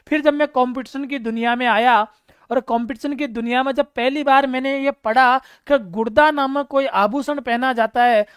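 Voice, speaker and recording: A man's voice: extremely high pitch, a bit bright, smooth, no echo, studio quality. A man teaching a live exam-prep class online, quizzing students, reading out their names and praising them, with funny stories mixed in. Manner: storytelling with humor.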